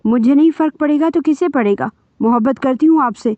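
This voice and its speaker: Woman voicing a wounded, defiant young bride for an audio novel; high, anguished, dull dry sound. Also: expressive, no room sound, close to an everyday voice. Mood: shouting. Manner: shouting, anguished.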